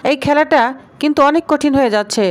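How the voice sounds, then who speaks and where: A worried woman pleads and warns in an urgent tone, as a woman narrator reads her. The voice is high, in a read-aloud recap. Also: brisk, close to an everyday voice. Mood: pleading. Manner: pleading, warning.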